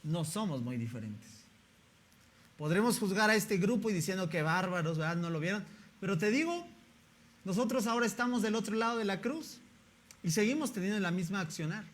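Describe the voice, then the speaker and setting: A man's voice: high voice, animated, fairly quick. A male pastor, preaching a sermon in a conversational way and often asking the congregation rhetorical questions.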